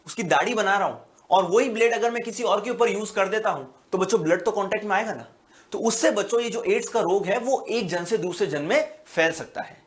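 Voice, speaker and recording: A male biology teacher with a high, slightly bright voice gives an exam-prep lecture, speaking patiently and often checking that his students follow. He explains slowly, repeating "बच्चों" and "है ना" again and again, filling pauses with "अ" and restarting words.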